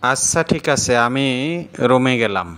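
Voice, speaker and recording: A man voicing a calm cartoon father. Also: medium pitch, normal speed, smooth, lightly acted. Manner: calm, reassuring, instructive.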